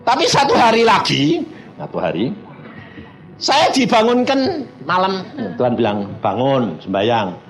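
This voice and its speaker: A man's voice: sits high, unhurried, low-quality recording. An older man preaching with a Javanese Indonesian accent, telling stories animatedly and acting out the voices in them. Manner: animated, acts out voices in his stories, laughs as he tells. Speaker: pastor. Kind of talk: sermon storytelling.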